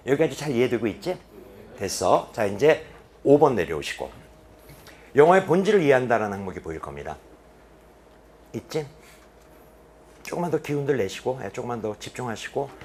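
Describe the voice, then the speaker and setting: A man with a mid-range voice teaches an English reading lecture in a boarding academy classroom, with slight background noise. He asks his students questions and answers them himself, speaking animatedly with sharp drops to quiet emphasis.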